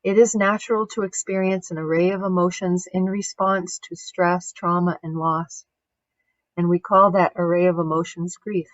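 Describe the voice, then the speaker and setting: A woman coach leading an online grief course, calmly guiding breathing and reading passages aloud over a video call. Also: fairly low pitch, normal speed, no echo, dull audio.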